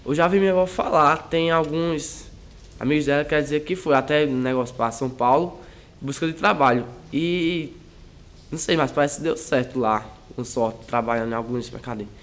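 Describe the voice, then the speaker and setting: A teenage high school student answers interview questions in a soft, rambling way, often pausing and restarting. His voice sits a little high for a man is clear. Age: teens.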